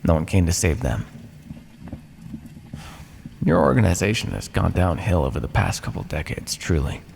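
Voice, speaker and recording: Smug and patronising, an ancient vampire captor voiced by a man mocks his prisoner in an ASMR roleplay, condescending and menacing. The performance is very animated, heavily acted and a little mellow, with very wide pitch swings, gravelly creak and theatrical pauses. Long reverb and background noise surround him.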